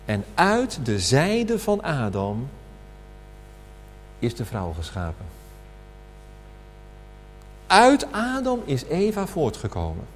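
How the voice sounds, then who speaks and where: A man preaching a sermon at a communion service, slow and emphatic, asking rhetorical questions. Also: fairly high pitch, huge pitch swings. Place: church hall. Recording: reverberant hall with faint hum.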